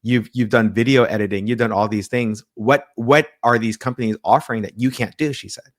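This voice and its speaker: A man's voice: medium pitch, brisk. A man who is a pastor and publisher, telling a story in a casual interview, acting out quoted dialogue and often restarting his sentences. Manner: animated retelling with quoted dialogue and frequent restarts.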